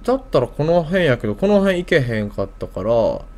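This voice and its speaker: A man's voice: mid-range voice, sing-song, a little fast, a little mellow. A man with a Kansai Japanese accent doing casual video game commentary, thinking aloud in short muttered questions.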